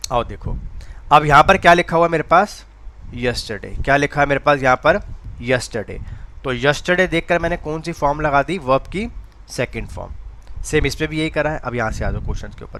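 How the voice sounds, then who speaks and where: A man's voice: a little high, a bit bright. A man teaching grammar to exam students in a classroom lecture, asking questions and answering them himself while repeating the key points.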